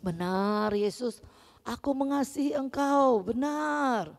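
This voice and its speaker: A woman's voice: fairly high pitch, slow pace, vocal fry. A woman voicing Simon Peter as an earnest, sorrowful male disciple who pleads his love in a children's Bible story. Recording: reverberant church hall.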